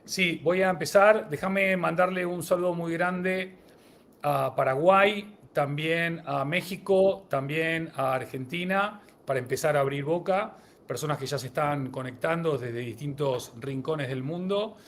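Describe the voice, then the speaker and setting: A man's voice: a little high, a little slow. A man co-hosting a live-streamed podcast, greeting viewers and running a word-association game. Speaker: podcast co-host.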